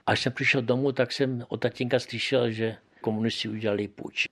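A man's voice: medium pitch, fairly even intonation. An older man from Moravia telling his life story in a conversational way, often adding tag questions. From Moravia, Czech Republic. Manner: conversational, keeps adding tag questions, acts out quoted lines louder. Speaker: witness recounting his youth. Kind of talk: oral history storytelling.

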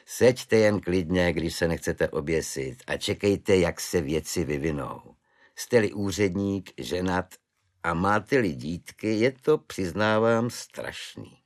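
A man's voice: low-pitched, full character voice. A man doing a cheerful, blithely chatty soldier. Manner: cheerful, chatty, matter-of-fact. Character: good-natured, blithely unfazed soldier, adult man.

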